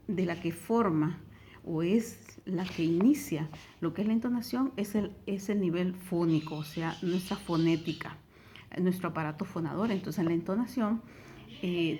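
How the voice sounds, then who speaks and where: A middle-aged woman with a Honduran Spanish accent has a low, mellow voice, with a little hiss or hum on the recording. She teaches a recorded tutoring lesson, explaining step by step and often checking in with a question tag.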